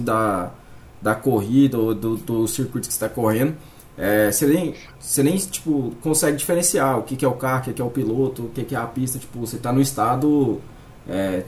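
A man with a Brazilian accent discussing casually, halting often and peppering his explanations with tag words. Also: mid-range voice, a little mellow. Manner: halting, filler-heavy explaining with frequent "né" and "tipo". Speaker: podcast guest. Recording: faint background noise.

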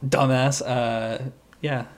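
A man's voice: mid-range voice, flat delivery, extremely slow, a little hiss or hum. A man co-hosting a podcast in casual chat, rambling and peppering his talk with "like". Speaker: podcast co-host.

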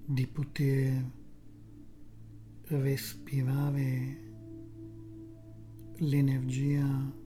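A soft, breathy, half-whispering voice guiding a relaxation meditation soothingly, in short phrases with long pauses. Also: medium pitch, monotone, soft background music. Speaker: guided meditation narrator.

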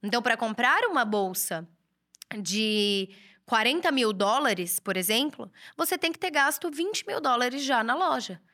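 A woman's voice: fairly high pitch, very animated, unhurried, sharp tone. A woman, hosting a casual, chatty solo talk on business advice from a room at home. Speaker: host and writer. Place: indoor room with a curtain backdrop, books and a computer.

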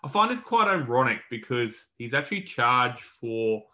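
Big pitch swings mark this Australian podcast co-host's mid-range, pushed and bright voice, delivered at normal speed. He chats through sports news casually and colloquially, in a matey tone.

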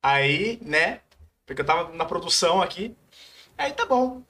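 A man's voice: a little high, lively intonation, measured pace, sharp tone. A young Brazilian man hosting a podcast, telling stories in casual chat with stammering restarts and acted-out quotes. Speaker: podcast host.

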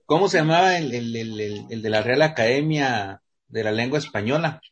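A man's voice: mid-range voice, animated, moderate pace, husky. A man in casual discussion who jokes and acts out quotes.

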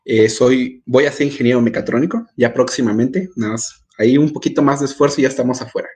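A young man from Mexico, a student guest in a casual podcast interview, telling stories in an animated way and acting out his own past words. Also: medium pitch, fast talker, husky. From Mérida, Yucatán, Mexico. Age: young adult.

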